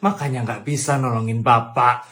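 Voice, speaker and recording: A man voicing a gentle, sickly father who talks softly and wearily to his daughter. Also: mid-range voice, fairly even intonation, moderate pace. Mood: resigned. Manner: soft, weary and resigned.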